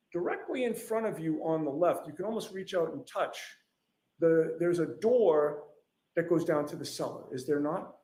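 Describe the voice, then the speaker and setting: A man with a high-pitched, mellow voice questions a witness during courtroom cross-examination as defense attorney. Each pointed, leading question closes with "correct?", and the room echoes.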